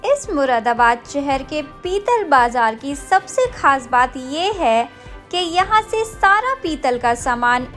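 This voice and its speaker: An enthusiastic woman narrates a market-tour vlog in a high, bright voice. She speaks straight to her viewers, and faint music plays under her narration. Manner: enthusiastic, addresses viewers directly. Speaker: travel vlogger.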